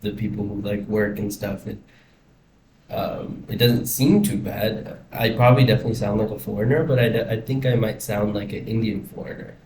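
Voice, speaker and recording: A young American man with a lowish, slightly mellow voice speaks at a normal pace with fairly even intonation, musing casually in a rambling personal video diary. He's a vlogger recording indoors at home, where the room echoes and faint background noise lingers.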